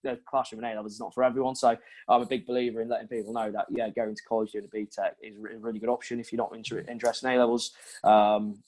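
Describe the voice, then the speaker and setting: Fast-talking young man, flat low voice. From Yorkshire, England. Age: 20s. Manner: chatty, many ums and fillers. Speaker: recruitment consultant, interviewee. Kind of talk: casual interview answers.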